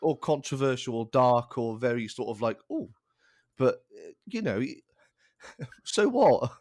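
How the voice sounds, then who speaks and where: A man's voice: mid-range voice, very animated, measured pace, a little mellow, dry recording, clean studio sound. A young man co-hosting a casual podcast, ranting in exasperation and restarting his sentences. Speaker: podcast co-host.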